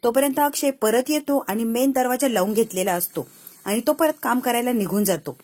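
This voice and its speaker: A woman's voice: on the high side, fairly quick, darkish tone. A woman retelling a TV serial episode in a casual storytelling manner, voicing the characters' lines herself. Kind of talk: casual storytelling recap with acted dialogue.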